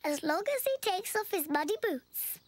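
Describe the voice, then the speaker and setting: A woman voicing a cheerful, bossy little girl piglet in a children's cartoon, talking in a bright sing-song way with lots of giggles. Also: very high-pitched, expressive, normal speed. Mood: excited. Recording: theme music behind the voice.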